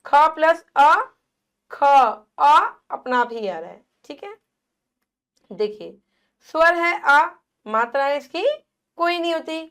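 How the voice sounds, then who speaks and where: A woman teaching young children, with a high voice and a slow, patient delivery. She stretches out each syllable so the sounds are easy to hear, then checks understanding with a quick question and repeats the answer herself. The pace stays unhurried throughout, the way a classroom lesson for small kids runs. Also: very animated, a bit bright. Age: adult.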